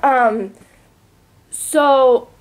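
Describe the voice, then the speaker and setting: A teenage girl tells a long story as a podcast guest, in a chatty voice pitched a bit high. She laughs her way through the funny parts. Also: very slow. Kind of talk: casual storytelling.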